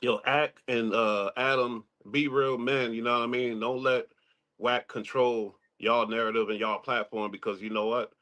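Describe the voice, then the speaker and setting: A man's voice: mid-range voice, steady tone, normal speed, fairly bright tone. New guy cohosting a reaction stream, chill and blunt, slangy. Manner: laid-back, blunt, slangy. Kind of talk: casual live-stream commentary.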